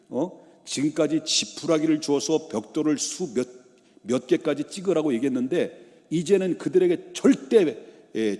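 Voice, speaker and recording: A man's voice: a little high, warm tone, in a large hall, pitched above the performer's own voice, natural voice. A pastor voicing an arrogant, furious male Egyptian king who barks scornful threats.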